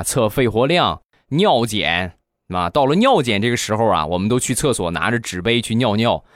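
With a voice on the low side, a young man hosts a comedy podcast, spinning funny stories and animatedly performing the voices of their characters. The sound is clean studio audio without any echo.

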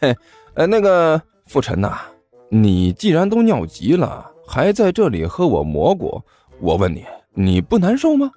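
A man's voice: fairly high pitch, huge pitch swings, a little slow, warm tone, soft background music, pitched above the performer's own voice, exaggerated voice. A man voicing a chubby, cheeky schoolboy who talks in a sly, teasing, sing-song way. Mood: bickering.

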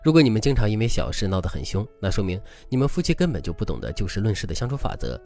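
A man's voice: on the low side, sing-song, very fast, darkish tone. A man hosting a relationship advice show, narrating a couple's story and lecturing in a scripted way. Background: faint background music.

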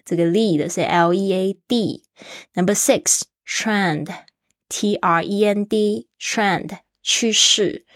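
A woman's voice: medium pitch, no room sound, studio quality. A woman hosting a casual English lesson podcast, chatty and spelling words out letter by letter. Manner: laughs easily. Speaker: English teacher and podcast host.

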